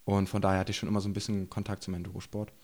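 In a low, slightly mellow voice, this man races along with completely flat delivery. An enduro rider in his twenties from Saxony-Anhalt in eastern Germany, he's a podcast guest in a casual chat, rambling, laughing often and using slang.

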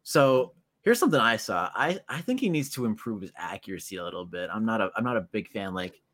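A man's voice: fairly low pitch, animated, fast, fairly bright tone. A man co-hosting a casual sports talk show, talking eagerly and conversationally. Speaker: podcast co-host.

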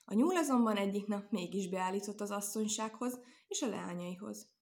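A woman's voice: medium pitch, darkish tone. Woman reading a storybook aloud.

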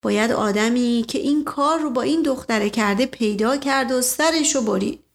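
A woman's voice: a little high, creaky. A woman voicing a flirtatious, blustering middle-aged nobleman who talks theatrically and keeps exclaiming "momento". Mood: indignant.

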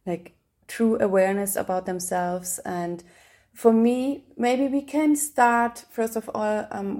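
Female podcast host; earnest, halting delivery, middle pitch. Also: warm tone. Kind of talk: casual conversational interview.

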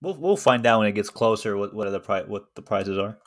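A man in a casual chat, talking in a quick, offhand way. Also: on the low side, lively intonation.

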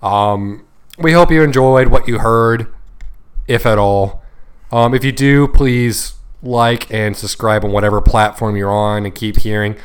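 A man's voice: lowish voice, steady tone, measured pace. A man hosting a podcast, telling a game story in a rambling, joking way and swearing casually. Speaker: podcast host.

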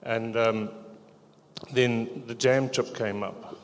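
Halting man, middle-aged. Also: medium pitch, steady tone. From South Africa. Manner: halting, hesitant, quiet. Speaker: church member giving testimony. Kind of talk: personal testimony in church. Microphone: handheld microphone. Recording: echoey church hall.

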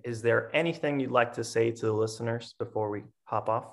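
A man's voice: medium pitch, a little fast, gravelly. A man hosting a casual podcast interview, thanking his guest and chiming in with brief encouraging words. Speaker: podcast host.

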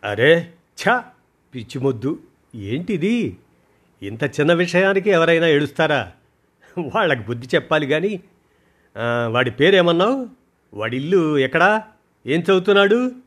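A man's voice: mid-range voice, normal speed, pauses often, lightly acted. A man voicing an anxious, caring mother who fires off coaxing questions. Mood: reassuring.

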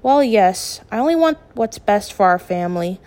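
A woman reading as a steady, calm father. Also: mid-range voice, close to an everyday voice. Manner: calm, measured, gently firm. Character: steady middle-aged father, practical and kind.

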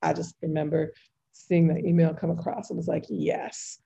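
Woman podcast host, enthusiastic and casual, mellow lowish voice, muffled lo-fi line. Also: level tone, a little fast, creaky. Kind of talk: conversational podcast interview. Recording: dull lo-fi sound.

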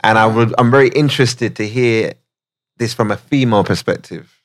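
Low-voiced joking man. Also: moderate pace. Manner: relaxed, joking, welcoming. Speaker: podcast host. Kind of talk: casual chat.

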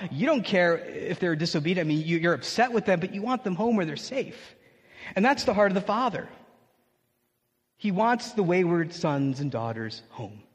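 A man preaching a sermon in a casual, conversational and animated way, recorded in an echoey church. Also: high-pitched, normal speed, breathy edge. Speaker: pastor.

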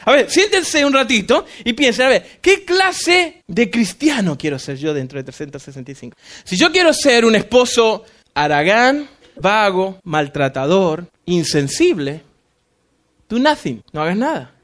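A male pastor giving an animated sermon, acting out voices and dropping in English phrases. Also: high-pitched, a little slow.

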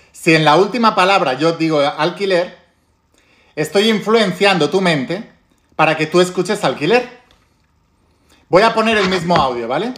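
Man, Spain Spanish accent, self-help teacher talking to camera, pitched a bit high, emphatic and repetitive. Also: a bit bright, a little hiss or hum. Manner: emphatic, repeats key phrases. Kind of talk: direct-to-viewer talk.

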